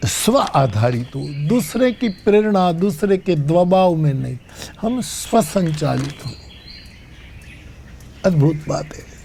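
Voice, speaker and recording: An older man from Gujarat, giving a devotional discourse in measured storytelling with sung verses. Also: a little high, warm tone, a little hiss or hum. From Gujarat, India. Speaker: spiritual storyteller.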